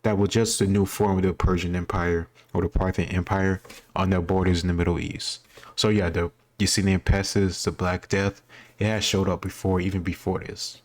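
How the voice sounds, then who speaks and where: A man with a deep voice, little pitch movement, and a moderate pace reacts to a history quiz as its host. He offers casual commentary while answering questions, thinking aloud and second-guessing himself.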